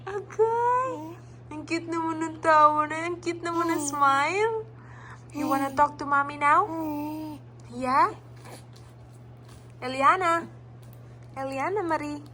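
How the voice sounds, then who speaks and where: A woman's voice: high-pitched, slow pace, pauses often, pushed and bright, a little hiss or hum. A young woman from the Philippines talking baby talk to her infant daughter at home, cooing and coaxing in a sing-song way. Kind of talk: casual baby talk, mixing Tagalog and English.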